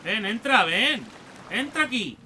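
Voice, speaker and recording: A man's voice: high voice, very animated, slow pace, noisy background. A man with a Spain Spanish accent giving crude, joking let's play commentary and taunting the enemies he fights. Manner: swearing, joking, talks to enemies. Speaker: gaming youtuber.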